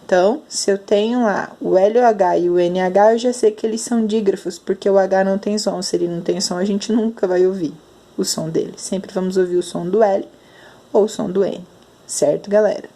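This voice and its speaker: Slow-enunciating Brazilian teacher woman. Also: medium pitch, fairly even intonation, mellow. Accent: Brazilian Portuguese. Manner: slow, drawn-out enunciation of sounds. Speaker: primary school teacher. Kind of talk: explaining lesson to children.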